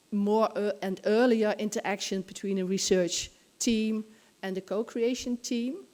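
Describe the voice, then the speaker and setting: An older Dutch woman delivers an academic conference talk in a hotel conference room, thinking aloud with some hesitation. Her voice is mid-range with a darkish tone. She speaks into a gooseneck microphone on the podium.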